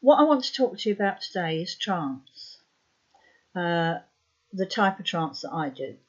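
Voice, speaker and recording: A trance medium in her fifties, suffering from a sore throat, explains her work to the camera in a lowish, very animated voice. She talks slowly and hesitantly with many ums and uhs, and the recording sounds dull and lo-fi.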